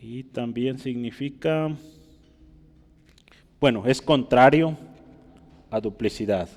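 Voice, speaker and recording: A man's voice: medium pitch, slow, darkish tone. Reverberant male preacher, teaching tone. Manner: teaching, explains Greek words while writing on a board; addresses listeners directly with frequent rhetorical questions. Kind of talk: expository sermon. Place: church hall.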